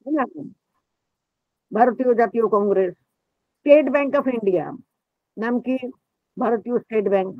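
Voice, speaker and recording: A man's voice: very high-pitched, normal speed, pauses often, dry recording. A man giving an explanatory lecture as the teacher of a reading class, asking rhetorical questions as he goes. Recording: dull, muffled lo-fi sound.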